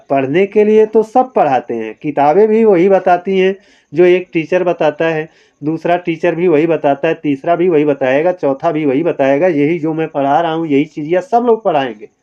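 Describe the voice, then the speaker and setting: A man's voice: fairly high pitch, dull audio. A man teaching grammar in an online exam-prep lesson, working through multiple-choice questions with rhetorical questions and a repeated "है ना" tag, mixing in motivational advice to students.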